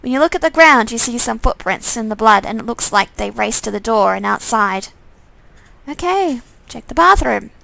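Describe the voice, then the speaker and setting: A woman's voice: a little high, brisk, gravelly, few pauses, pushed and bright, no echo, rough recording. A woman reading a visual novel aloud on a stream, narrating in the second person with small slips. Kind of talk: reading game text aloud.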